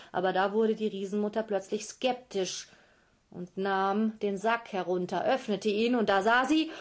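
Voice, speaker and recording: A woman telling a fairy tale to children, lively and speaking directly to her listeners. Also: mid-range voice. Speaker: storyteller for children. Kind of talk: storytelling to children.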